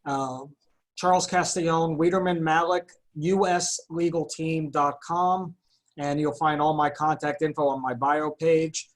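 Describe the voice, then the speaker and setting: A man, an attorney, giving a crisp, earnest, cautionary tip on a panel. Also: on the high side, fairly even intonation, a little slow. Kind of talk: brief panel introduction and advice.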